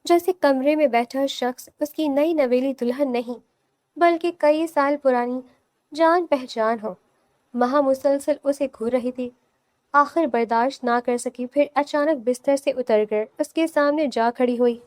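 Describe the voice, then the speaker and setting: Woman narrator for a romance audio novel, high voice, dead-dry close mic. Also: a little mellow, no echo. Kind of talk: scripted narration.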